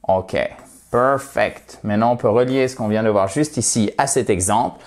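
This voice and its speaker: A man teaching a video lesson in a chatty, friendly way, with playful asides, slowing down to stress words. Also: fairly low pitch, darkish tone. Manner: slows down and stresses words to show how they are said. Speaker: language teacher.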